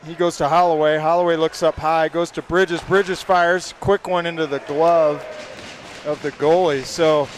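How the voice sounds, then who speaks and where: A man calls a youth hockey game play by play, reeling off passes and shots at a brisk clip. His voice sits a little high for a man. A faint hum of the surroundings stays under him. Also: flat delivery. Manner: rapid play-by-play, names each pass. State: hiccups. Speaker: play-by-play commentator.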